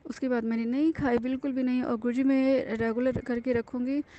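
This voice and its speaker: High, mellow-voiced woman giving earnest thanks. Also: flat delivery, a little fast, muffled recording. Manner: earnest, confiding, with frequent fillers and restarts. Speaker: devotee sharing a testimony. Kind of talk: personal devotional testimony, casual.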